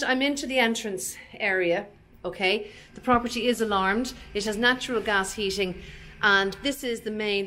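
An Irish estate agent in her forties, her voice medium-pitched and a bit bright, chats her way through a property as she walks it. It's an informal, explanatory walkthrough set in an empty commercial unit with large bare rooms.

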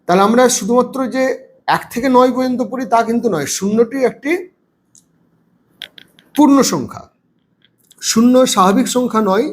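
Man, high voice, bengali accent, patient teacher, spells words slowly, counts aloud for kids. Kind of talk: reading lesson for young children.

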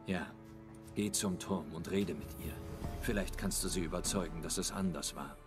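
A man acting as a stoic fantasy monster hunter. His voice is very low, calm and grim, delivering terse, matter-of-fact game dialogue over music. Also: moderate pace, close to an everyday voice. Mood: calm, explanatory. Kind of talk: dramatic video game dialogue.

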